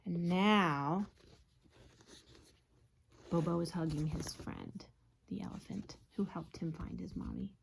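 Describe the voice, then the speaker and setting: A woman reading a picture book aloud to a class of small children, her voice low and gravelly. She keeps stopping to ask the kids questions and slips into hushed whispers as the story goes on. A faint hiss sits under the recording. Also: takes it slowly, long pauses. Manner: gentle, asks listeners questions, drops to whispers.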